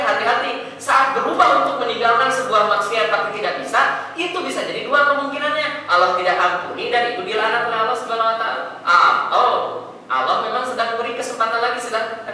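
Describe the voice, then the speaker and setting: A man preaching and answering questions in a mosque, talking in a conversational, animated way. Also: extremely high pitch, brisk. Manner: conversational, animated, mixes in local words. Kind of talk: sermon with Q&A. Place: mosque hall. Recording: echoey hall from far off, faint noise.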